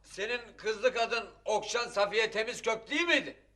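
An actor playing a gruff, blunt father who has been drinking. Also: high voice, moderate pace, heavy background noise, natural voice. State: drunk. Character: Zekeriya, gruff drunk father. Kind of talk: TV comedy-drama acting.

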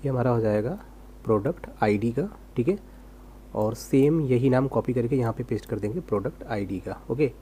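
Male coding tutor, relaxed mellow delivery, rhetorical self-questions as he types, light hum in the recording. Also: medium pitch, normal speed. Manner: casual, rhetorical self-questions, talks while typing. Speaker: programming tutor.

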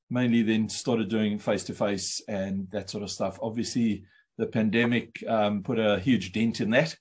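Relaxed man with a South African accent. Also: on the low side. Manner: relaxed, friendly, plain-spoken. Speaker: business consultant. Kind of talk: self-introduction on a group call. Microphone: video call.

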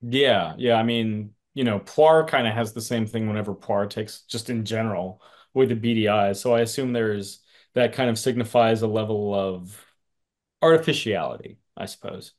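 A man co-hosting an anime rewatch show, musing in a relaxed way and hedging his points. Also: on the low side, normal speed. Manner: relaxed, musing, trails off with hedges. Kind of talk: casual reaction chat.

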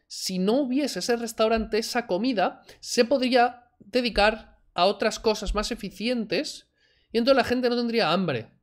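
Wearing headphones and speaking into a desk mic, a reaction streamer with a high voice comments on a video clip from his desk at home. His casual take is animated, mocking and full of sarcasm.

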